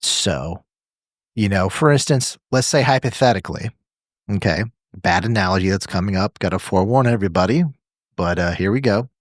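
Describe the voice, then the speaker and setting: Low-voiced man explaining with wry asides. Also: lively intonation, moderate pace, dry recording. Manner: explains with long hypothetical examples, wry. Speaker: podcast co-host. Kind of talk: casual chat.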